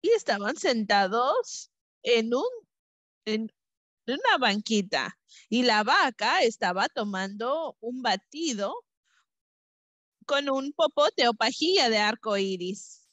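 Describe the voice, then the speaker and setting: A woman with a high voice tells a children's adventure story. She speaks slowly and animatedly in a sing-song style. Her voice sounds close and dry. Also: animated, fairly bright tone, no room sound.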